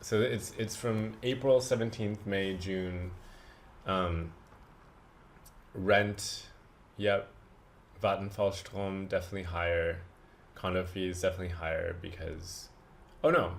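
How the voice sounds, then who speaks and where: Low-voiced man in rambling vlog chat. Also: level tone, creaky, slight background noise. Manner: rambling, halting, self-deprecating asides. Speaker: vlogger. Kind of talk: casual unscripted vlog chat.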